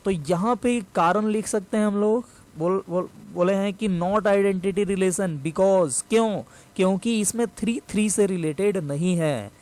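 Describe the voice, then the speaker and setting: Male maths teacher, high voice, patient step-by-step explainer who repeats key terms. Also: darkish tone. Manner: explains step by step, repeats key phrases slowly, asks and answers own questions. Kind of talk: classroom maths lesson.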